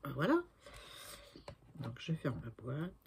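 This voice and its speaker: A woman's voice: extremely low pitch, huge pitch swings, slow, gravelly, heavy background noise. A woman in her sixties chatting through a crafting tutorial, talking to herself as she works and often trailing off to a murmur. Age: 60s. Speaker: crafting video maker.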